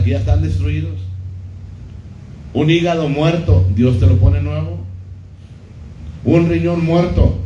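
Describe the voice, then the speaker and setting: A man's voice: fairly high pitch, mellow, a little hiss or hum. Preaching man in an echoey church. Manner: preaching, repeats key phrases, quizzes the congregation. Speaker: pastor. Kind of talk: sermon. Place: church hall. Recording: muffled echoey church recording.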